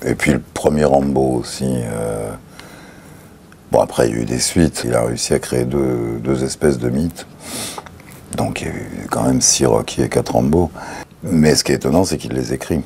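A man speaks as a guest in an interview, his voice extremely deep and gravelly with fry. He talks thoughtfully, pausing and restarting as he searches for words. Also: darkish tone, slight background noise. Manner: thoughtful, halting with hesitations. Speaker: dubbing voice actor, guest.

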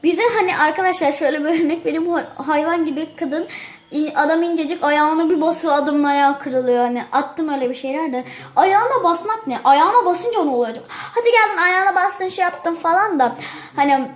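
A woman with a high, girlish voice chats straight to her camera as a vlogger. She acts out every example with theatrical flair, piling up repeated phrases. The sound comes from a plain built-in camera mic. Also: a little fast, roomy sound. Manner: animated, acts out examples dramatically; exaggerates for effect, repeats phrases. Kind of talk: casual chat to camera.

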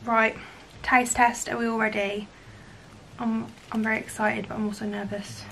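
A woman's voice: a little high, level tone, moderate pace, fairly bright tone, a little hiss or hum. A young British woman in her twenties chatting casually in a home vlog, bubbly and giggly, rambling as she goes. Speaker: vlogger. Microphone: handheld camera.

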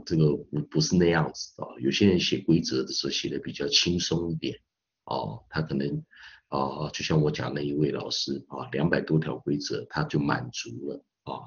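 A male English teacher gives an online phonics lesson. He spells words out slowly and fills his talk with little particles. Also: extremely low pitch, gravelly, lo-fi sound. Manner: repeats spellings slowly, peppers speech with 啊 and 哦.

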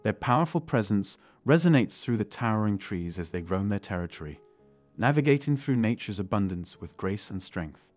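Low-pitched male nature documentary narrator. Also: animated, normal speed. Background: faint music.

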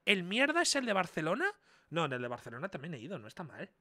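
A man's voice: on the high side, wildly swooping pitch, fast talker, no echo. Chatty young streamer man, dry close sound. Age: 20s. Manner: chatty, incredulous, loud outbursts. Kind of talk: casual live-stream chat.

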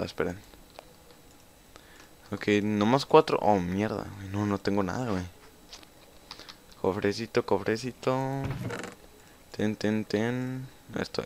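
His voice sits on the low side with vocal fry, and a bit of hiss or hum runs underneath. A young gamer with a Mexican Spanish accent, he casually comments on his game, chatting with himself and cursing freely.

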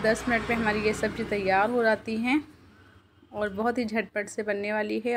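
A woman hosting a cooking channel, calmly explaining each step of a home recipe to viewers as she cooks. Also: mid-range voice. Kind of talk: casual cooking voice-over. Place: home kitchen.

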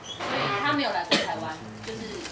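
A woman's voice: mid-range voice, expressive, a little fast. A woman giving a casual public talk at a bookstore, chatty, with many fillers and restarts. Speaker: guest speaker at a bookstore talk. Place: indoor bookstore event space. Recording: roomy echo, distant mic, noisy room.

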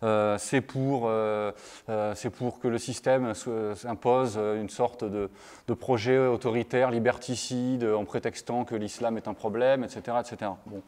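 A man's voice: mid-range voice, fairly even intonation, a little slow, a little mellow. A man giving a conference talk, hesitant, with many fillers and restarts. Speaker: lecturer. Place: conference hall. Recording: long hall reverb.

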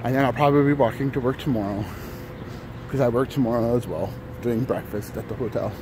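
A mid-range, fairly quick male voice belongs to a vlogger in his thirties strolling a city street early in the morning. Slightly out of breath, he chats and rambles with lots of fillers and restarts. The phone, held at arm's length, records him along with traffic and city noise.

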